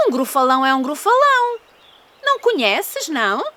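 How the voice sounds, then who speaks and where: Woman as small cunning storybook mouse, European Portuguese accent, bright voice, boastful, teasing, very animated. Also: high voice, normal speed, full character voice. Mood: cheeky, boastful. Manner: polite, teasing, dramatic. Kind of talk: storybook character voice.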